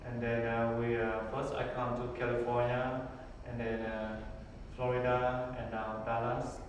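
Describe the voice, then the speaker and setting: A Buddhist monk with a Vietnamese accent answers interview questions in simple English, his medium-pitched male voice monotone. He speaks haltingly, pausing often and filling the gaps with hesitations. The mic is far away in an echoey hall, with faint background noise.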